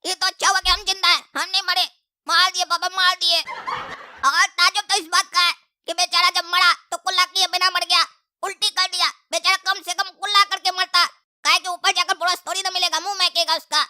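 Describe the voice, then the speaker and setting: A woman voicing a cheeky, mouthy young boy in a cartoon, talking in sarcastic rambles with frequent shouts and laughs. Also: very high voice, flat delivery, a little fast, exaggerated voice. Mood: mocking.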